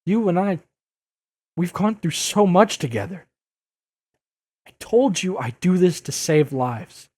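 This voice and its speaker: A man playing a youthful, earnest masked superhero in an audio drama, speaking with emotional, imploring and halting delivery. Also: sits high, lively intonation, a little mellow, dry recording, studio quality, heavily acted. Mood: earnest, solemn. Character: youthful earnest masked superhero, joking but pleading and wounded.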